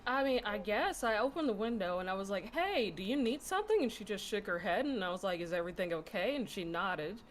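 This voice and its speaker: A woman playing a tabletop game over voice chat, chatting casually and telling a story with lively asides. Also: medium pitch, fast talker, hardly any pauses, a little hiss or hum. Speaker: player.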